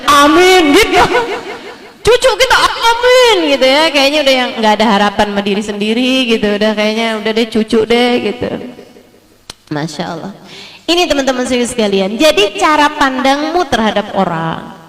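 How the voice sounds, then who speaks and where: Woman preacher, fairly high voice, animated storytelling sermon, slips into hushed prayer. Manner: lively storytelling, acts out quotes with raised voice; slows to soft prayerful tone. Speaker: religious teacher. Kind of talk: online religious study sermon.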